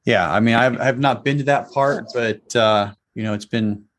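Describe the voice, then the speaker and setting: A man's voice: medium pitch, normal speed, a bit bright. A man hosting a casual interview, upbeat in tone and rambling with many fillers. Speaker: podcast host.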